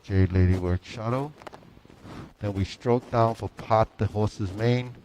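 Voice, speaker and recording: A man teaching tai chi, calling out movement cues in calm, measured short phrases with pauses between them. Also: fairly low pitch. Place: large mirrored wood-floored indoor studio. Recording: faint room noise.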